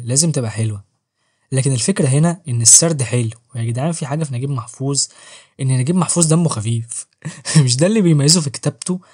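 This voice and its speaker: Here a husky, medium-pitched man with an Egyptian Arabic accent runs a casual book review vlog. As host and reviewer, he discusses a novel while joking around, using slang, and poking fun at himself.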